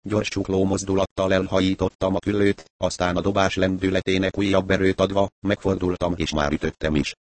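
A man narrating an audiobook, measured and matter-of-fact. His voice is very low, and the studio recording is dry and close. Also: level tone, dry recording. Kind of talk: audiobook narration of a crime novel.

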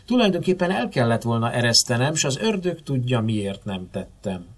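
A man narrating a first-person novel aloud in a dramatic, expressive storytelling manner. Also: medium pitch. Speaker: audiobook narrator.

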